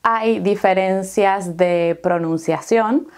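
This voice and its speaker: An Argentine woman teaching an online Spanish lesson, explaining clearly and deliberately and asking rhetorical questions. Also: mid-range voice, darkish tone.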